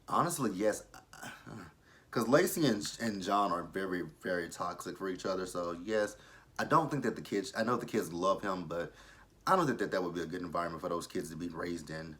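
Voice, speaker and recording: A thirty-year-old man reviews a TV episode in a casual vlog, blunt and opinionated and swearing freely. His voice sits low and a bit bright at normal speed.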